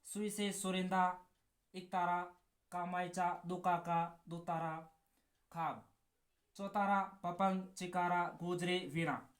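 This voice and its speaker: A woman teacher, drawing each word out slowly and saying it again and again so it sticks. Her voice sits a little low. The echoey room rings around her. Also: fairly even intonation. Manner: slow, drawn-out repetition of words, drilling. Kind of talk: exam-prep lesson with a memory trick.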